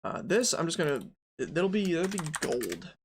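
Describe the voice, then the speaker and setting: Young male streamer with a gravelly, fry-edged voice, rambling chattily over keyboard clicks while he builds a 3D model live. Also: on the high side, sing-song, moderate pace, a little hiss or hum. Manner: chatty, thinks aloud, reads and answers chat. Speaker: game dev streamer.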